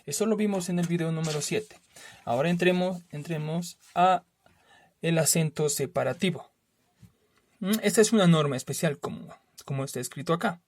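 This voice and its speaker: A male teacher works through a spelling lesson, explaining patiently and repeating key terms. His voice sits a little high, and he often adds a quick questioning tag to check understanding. The recording is dry and close. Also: darkish tone, no echo. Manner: explains slowly and repeats himself.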